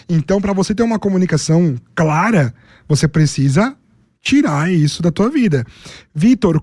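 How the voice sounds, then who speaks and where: A man's voice: on the high side, a little mellow, no echo, clean studio sound. A man with a Brazilian accent, a public speaking coach, explaining his methods methodically, step by step, as an interview guest. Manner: methodical, explains in numbered steps and lists.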